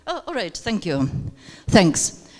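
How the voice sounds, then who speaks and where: A woman's voice: medium pitch, big pitch swings, takes it slowly, crowd noise. A woman leading a teacher workshop, speaking hesitantly with many fillers. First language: Russian. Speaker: teacher trainer. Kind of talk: workshop lecture. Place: seminar room. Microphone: handheld microphone. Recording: hall reverb.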